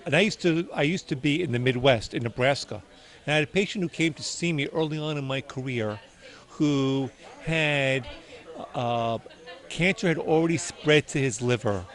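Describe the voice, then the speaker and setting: A man's voice: mid-range voice, normal speed, fairly bright tone. A middle-aged man answering interview questions as a doctor, earnest and somewhat hesitant, correcting himself as he goes.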